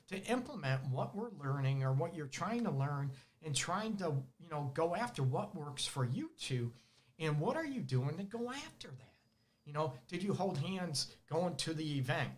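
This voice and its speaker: Detroit guy giving relationship advice, lively, laughs a bunch, acts out his clients. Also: a little high. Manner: animated, laughs often, acts out clients' voices. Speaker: relationship counselor and show host. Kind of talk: casual advice monologue. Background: dogs barking at times.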